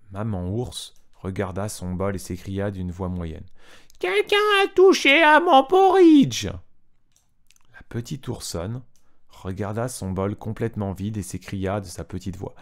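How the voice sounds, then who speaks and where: A man's voice: sits low, a little mellow. A man reading a storybook aloud to a child, stopping to retell parts in plain words and ask the child questions.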